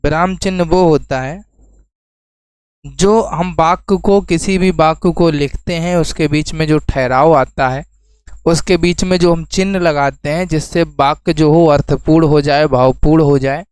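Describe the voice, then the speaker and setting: A man's voice: a little high, fairly even intonation, measured pace, a little mellow, clear, resonant tone, no echo, poor audio. Man teaching exam prep, question-and-repeat style. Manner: explains then repeats key terms as questions to students.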